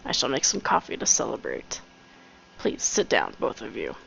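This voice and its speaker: A woman voicing a gentle, formal male pigeon who runs a cafe, speaking softly and politely. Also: a bass voice, wildly swooping pitch, normal speed, creaky, a little hiss or hum, pitched below the performer's own voice, heavily acted. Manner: soft-spoken, formal, polite. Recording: dull lo-fi with game music.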